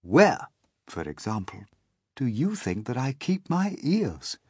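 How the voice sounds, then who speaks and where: A man puts on an old green grasshopper from a storybook, gentle and a little pompous. He explains things fondly, with a husky voice that rises and falls a lot. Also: medium pitch, huge pitch swings, slow pace, no echo, clean studio sound, pitched above the performer's own voice, heavily acted. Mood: teasing. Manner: kindly, lecturing, fond of his own skill. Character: old gentle male grasshopper, proud and learned.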